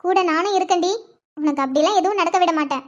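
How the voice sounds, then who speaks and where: A woman voicing a calm, caring young sister-in-law in a cartoon, speaking in a soothing, reassuring way. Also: very high-pitched, fast. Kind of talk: cartoon voice acting.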